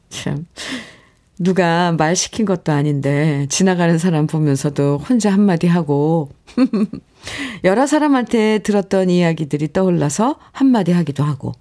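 A middle-aged woman hosting a radio show, reading a poem and listeners' letters in a gentle way and laughing often. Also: on the low side. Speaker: radio host. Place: radio studio. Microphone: studio microphone.

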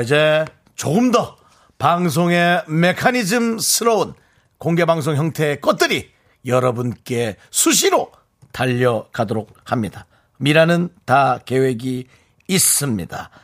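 A gravelly middle-aged man with a fairly high, lively voice, bantering on live radio. He teases guests and jokes about himself, talking to the people in the open studio. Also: unhurried. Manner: jokey, self-deprecating, teasing guests. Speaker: radio co-host.

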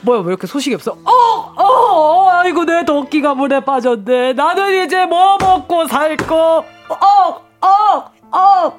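Brief: actress doing a high, bouncy, fast-nagging greedy wife. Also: female voice, animated, faint music behind. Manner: exclamatory, fast nagging talk.

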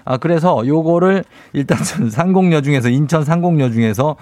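A man's voice: on the high side, a little fast, darkish tone, no echo. A man hosting a radio call-in quiz segment, bantering playfully with a caller and reading out questions.

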